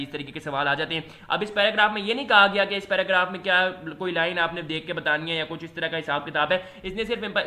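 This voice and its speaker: A man with a Pakistani accent, explaining entry test questions as a tutor in a loose, chatty way, reading English questions out slowly. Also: high-pitched, sharp tone. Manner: switches to slow, deliberate pace when reading English questions; loose, chatty teaching with fillers.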